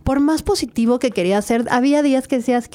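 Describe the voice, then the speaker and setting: A woman hosting an interview, lively and chatty, telling personal anecdotes. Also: high voice, fast. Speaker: podcast host. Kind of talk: conversational interview.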